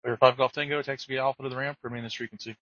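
A man working as an air traffic controller, giving brisk, procedural instructions over the radio. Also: mid-range voice, fairly even intonation, fairly bright tone. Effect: radio transmission. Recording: muffled lo-fi radio audio.

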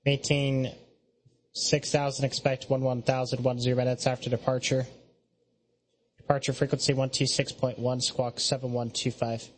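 A male air traffic controller issues radio calls in clipped procedural phrases. His mid-pitched voice stays very even, with little melody from one instruction to the next. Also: moderate pace, low-quality recording.

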